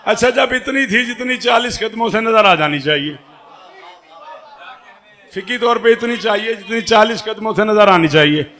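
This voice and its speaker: A man giving a religious majlis address in a large hall, animated and calling out to his listeners by name. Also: high voice, normal speed, some chatter behind. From Pakistan. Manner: animated, calls out to listeners by name, loud emphatic bursts. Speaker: majlis speaker. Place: large imambargah hall with audience.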